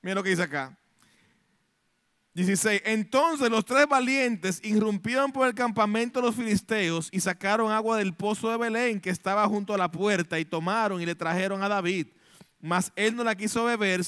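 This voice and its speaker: A male pastor from the Dominican Republic delivering a sermon in a high voice. He works the room with rhetorical questions and acts out quoted lines. The sound is dry and close. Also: fairly bright tone, smooth, no room sound.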